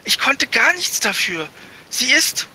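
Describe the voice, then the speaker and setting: A man's voice: very high voice, sing-song, slow pace, bright, forceful tone, slight background noise, voice pushed up, heavily acted. A man voicing a nervous, stammering young street boy in a read-aloud fantasy story. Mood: flustered. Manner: stammering, hesitant.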